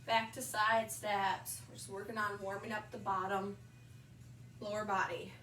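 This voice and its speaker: Leading balance exercises in a spacious wellness room with wood floors, a young instructor demonstrates and calls out moves in a mid-range, level, sharp-toned voice made slightly nasal by allergies. Her cues are upbeat, with brief pauses between moves. Faint music plays behind, and the far tripod camera leaves her sounding distant and echoey.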